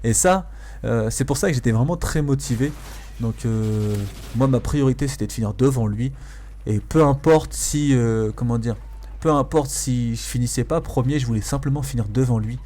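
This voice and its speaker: A male video host offers casual, amused gameplay commentary in a mellow, mid-range voice at normal speed, hesitating and repeating phrases for emphasis. Game sounds and faint noise sit behind him.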